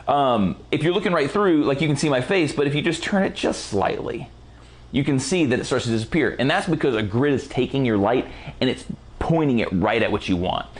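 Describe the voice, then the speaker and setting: A man teaching a casual photography lighting tutorial in a relaxed, slangy, enthusiastic way while he is losing his voice. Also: medium pitch, a little fast. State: losing his voice, clearing throat. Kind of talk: casual product walkthrough tutorial.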